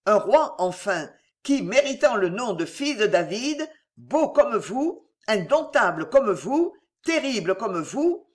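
A reader voicing a proud, fierce aristocratic mother who speaks in a fiery, declamatory way. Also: mid-range voice. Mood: proud, exalted.

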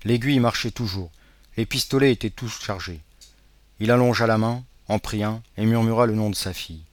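A man narrating a classic novel as an audiobook, in a measured, dramatic reading. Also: fairly low pitch, slight background noise.

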